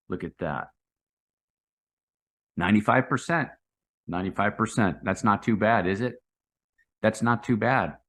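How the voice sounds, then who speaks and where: Slightly low-voiced, slangy crypto bro guy. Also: fairly bright tone. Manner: hyped, slangy crypto bro talk, saying 'man', 'dude' and 'guys'; rambling, repeats phrases for emphasis. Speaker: crypto chart commentator. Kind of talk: casual unscripted market commentary.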